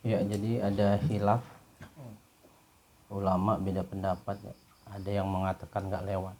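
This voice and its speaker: Guy preaching at a neighborhood study circle, warm dark voice, storytelling, keeps calling ppl pak. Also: low-pitched, moderate pace, slight background noise. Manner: storytelling with rising animated peaks, addresses listeners as Pak. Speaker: ustadz. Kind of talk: neighborhood religious lecture. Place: community gathering room.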